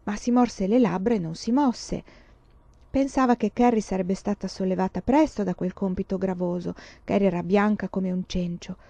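A woman narrating a storybook with an expressive, dramatic reading. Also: medium pitch, normal speed, creaky, dry recording. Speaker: audiobook reader. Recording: dull, dry lo-fi recording.

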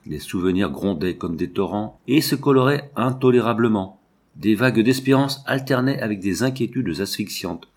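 Male narrator, low voice, measured expressive novel reading. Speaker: audiobook narrator.

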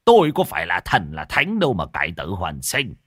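A man's voice: sits low, huge pitch swings, a little fast, a bit bright, slightly rough, no echo, clean studio sound, heavily acted. A man voicing a brusque, greedy old village sorcerer who scolds everyone around him. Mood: scolding.

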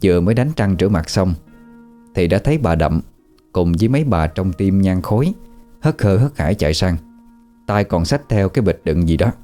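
A man narrating a horror story in a vivid, measured way. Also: sits low, expressive, warm tone, faint music behind.

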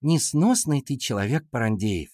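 A man voicing a whiny, tattling fifth-grade girl in a shrill, complaining voice. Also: expressive, normal speed, warm tone, no room sound, studio quality, natural voice. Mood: whining. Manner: shrill, whining.

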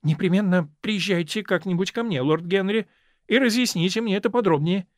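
A man's voice: sits high, brisk, dry recording, studio quality, voice pushed up, lightly acted. A man reading aloud and voicing a gracious, mildly curious society lady. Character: polite society lady, confessed heavy smoker.

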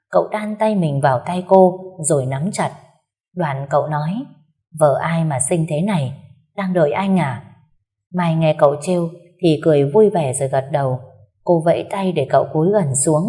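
A woman narrating a romance story aloud in a gentle, steady storytelling manner. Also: sits low.

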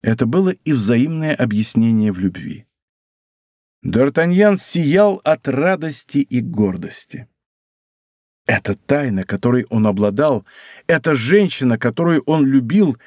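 Guy reading an old adventure novel aloud, measured storyteller, dry studio sound. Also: mid-range voice, sing-song, a little mellow, dry recording. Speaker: audiobook narrator. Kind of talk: scripted audiobook narration.

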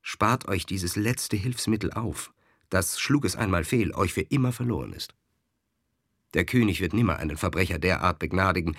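A man's voice: deep voice, no room sound, studio quality. A man voicing an experienced older counselor giving grave caution.

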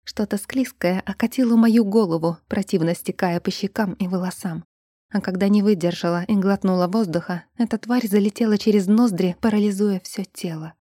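A woman narrating a first-person fantasy audiobook in a quiet, tense storytelling voice that sinks toward a whisper. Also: medium pitch, no echo, studio quality.

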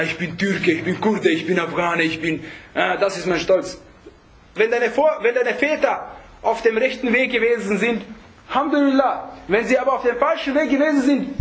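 This high, slightly bright male voice belongs to an Islamic preacher leading a group lesson. The teaching is casual and conversational, sprinkled with Arabic phrases and frequent rhetorical questions aimed at his listeners.

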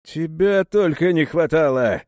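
A man's voice: on the high side, animated, unhurried, a little mellow, dry recording, studio quality, voice pushed up. A man voicing a shaggy-haired, crude male henchman who speaks in a sneering way.

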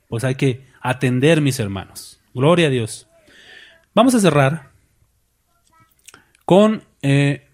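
A man preaching a sermon as pastor, lively, asking the congregation questions and acting out voices. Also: on the high side.

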